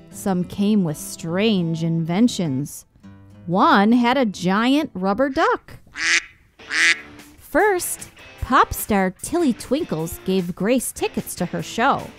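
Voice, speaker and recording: A woman reads a children's book aloud at a slow, careful pace. Her delivery is expressive and sing-song. Soft music plays behind her. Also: medium pitch. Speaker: storyteller.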